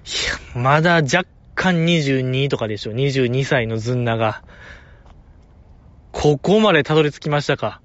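A man's voice: mid-range voice, moderate pace, no room sound, lo-fi sound. Playful man with a Kansai accent. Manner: playful, exaggerated, joking asides. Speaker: fan commentator. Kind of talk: casual solo talk.

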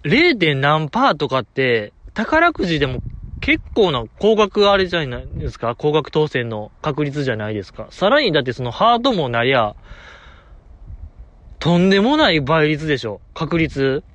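A man with a Kansai accent hosts a solo show, running through fan gossip in an eager, chatty way and chuckling as he goes. His voice sits a little on the high side, and the sound is close and dry with no room around it. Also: big pitch swings, normal speed, fairly bright tone, no echo. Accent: Kansai Japanese. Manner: chatty, enthusiastic fan banter with frequent chuckles. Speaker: podcast host.

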